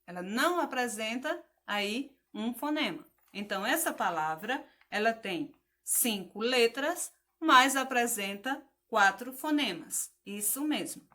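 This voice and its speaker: A woman's voice: on the high side, lively intonation, a little slow, pushed and bright. A woman teacher giving a patient phonics lesson to children, spelling out letters, asking questions and praising the answers.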